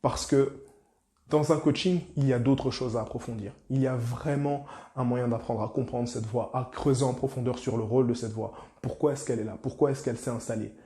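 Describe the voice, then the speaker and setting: A man's voice: medium pitch, steady tone, a little fast, mellow, reverberant. A man talking as a life coach, chatty and direct, speaking to the viewer familiarly and often repeating himself. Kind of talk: casual motivational talk to camera.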